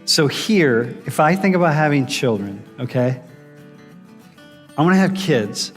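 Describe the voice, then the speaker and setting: Speaking a little slowly, this professor has a medium-pitched voice with lively intonation. He quizzes his students directly during a classroom lecture and often starts his sentences over. The recording carries the reverb of a large lecture hall along with background music.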